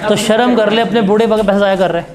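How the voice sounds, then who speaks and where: A man's voice: high voice, steady tone, fast talker, crowd noise. A male teacher giving a classroom lecture in a blunt, scolding, emphatic way.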